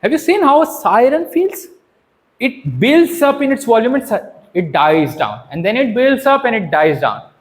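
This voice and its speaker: Speaking at a moderate pace in a very high-pitched voice, this man trains an audience in public speaking through an interactive workshop. He stays animated and instructive, with plenty of questions and check-ins.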